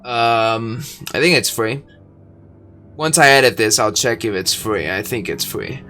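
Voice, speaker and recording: Over soft background music, a man with a bright, forceful, mid-range voice plays a game on camera at a measured pace. As a gaming YouTuber, he voices the game's text and rambles between lines with lots of fillers.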